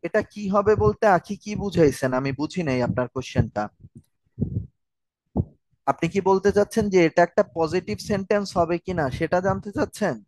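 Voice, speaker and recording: A man's voice: high voice, fairly quick, darkish tone, no echo, poor audio. A man giving an online grammar lecture, explaining step by step and answering viewer questions. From Bangladesh. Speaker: grammar tutor.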